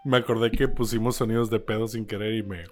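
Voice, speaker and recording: A man's voice: fairly low pitch, steady tone, fast talker, a little mellow. A Mexican man co-hosting a casual podcast about business, joking and rambling with lots of filler words. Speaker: podcast co-host.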